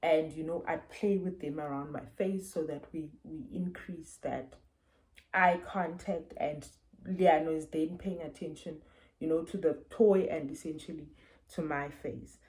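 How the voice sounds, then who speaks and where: A South African woman talks through a book review in a casual, earnest way, stopping often to give examples. Her voice sits low, with a soft, mellow tone. The sound comes through wireless earbuds. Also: steady tone, a little slow, poor audio. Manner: earnest, explanatory, gives examples. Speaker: parent reviewing books.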